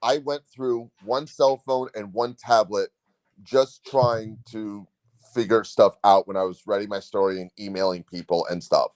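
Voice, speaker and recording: A man's voice: lowish voice, fairly even intonation, measured pace, darkish tone, no room sound. A man in his forties, a guest on a podcast, telling his story in a rambling way, acting out what he said and often laughing. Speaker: guest comic writer. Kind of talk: casual podcast chat.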